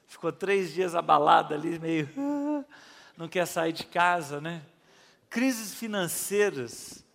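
Gravelly pastor. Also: male voice, on the high side, long reverb tail. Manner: conversational, folksy, asks the audience questions, acts out voices. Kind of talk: sermon with storytelling.

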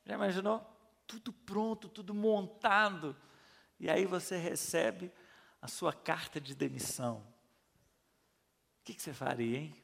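A man's voice: high voice, a little slow, gravelly, long pauses, fairly bright tone, long reverb tail. A middle-aged male pastor preaches in a folksy, conversational way, asking the audience questions and acting out voices as he tells stories. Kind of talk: sermon with storytelling.

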